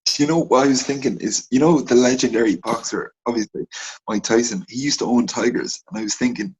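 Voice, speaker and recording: A man co-hosts a casual fight-sports podcast, his husky voice running through animated, wandering anecdotes. The recording sounds dull and lo-fi. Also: medium pitch, a little fast. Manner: animated, rambling anecdote-telling. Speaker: podcast co-host.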